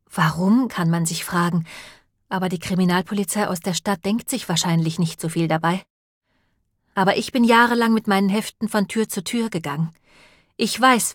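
A woman's voice: on the low side, slightly rough, no echo, clean studio sound. A woman reading an audiobook and voicing an earnest, pious village woman who talks in an urgent, brooding and preachy way.

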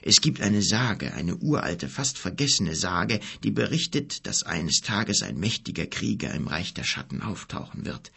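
A grave, weary old wizard, as an audiobook narrator puts him on. His voice is deep, husky and gravelly, dropping to a slow near-whisper. The delivery rises and falls widely, like a tale of doom told by a fire. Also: very animated, exaggerated voice. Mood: ominous. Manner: slow, low and hushed, half-whispered at times. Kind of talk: audiobook character reading.

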